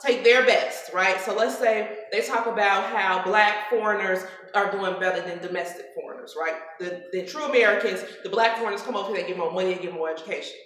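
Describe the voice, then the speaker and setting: A woman's voice: mid-range voice, fairly even intonation, brisk, few pauses, a bit bright. A woman radio host, talking with emphatic, preachy, repetitive rhetoric. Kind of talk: impassioned talk at a live event. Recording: very echoey hall, faint noise.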